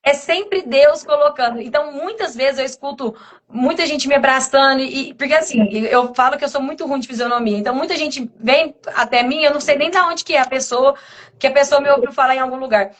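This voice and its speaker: Earnest high-voiced woman speaker. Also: fairly quick, a bit bright. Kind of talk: conversational interview testimony.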